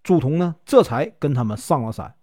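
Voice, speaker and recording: A male storyteller with a Northeastern Mandarin accent, relaxed and folksy, sprinkling small fillers through the tale. His pitch moves a lot and sits somewhat high. The recording is close and dry. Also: a little fast, no echo. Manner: folksy, filler-laden telling. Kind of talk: casual storytelling narration.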